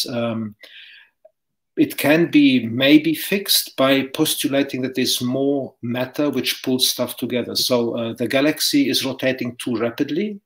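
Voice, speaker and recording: A middle-aged physics professor from Czechoslovakia, answering interview questions in a measured, hesitant, explanatory way. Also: male voice, mid-range voice, fairly bright tone, low-quality recording.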